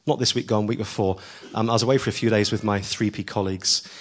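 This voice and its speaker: A man's voice: on the low side, fairly even intonation, quick pace. A man preaching a sermon, earnest and emphatic, pushing his voice up on key lines, with frequent ums as he tells a story.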